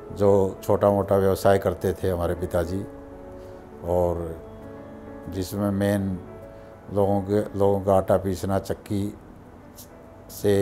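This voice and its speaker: An older man from Haryana, India, recounts his life in an interview. His voice is low and mellow, and he speaks in a reflective, unhurried way with pauses. Faint music runs underneath. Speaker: businessman interviewee. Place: office with shelves of awards, indoors. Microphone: lapel.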